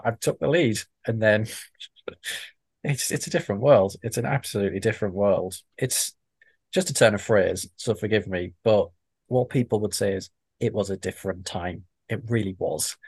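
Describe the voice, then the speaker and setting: A man's voice: lowish voice, a little mellow, breathy edge, no room sound. A man co-hosting a motorsport podcast in casual chat, joking and laughing as he talks. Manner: jokey, laughs between lines. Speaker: podcast co-host.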